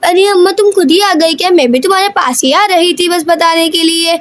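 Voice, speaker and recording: A woman plays a brave young mother in a doll story, rushing her words with urgent care. Her voice is pitched very high. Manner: quick, urgent, caring.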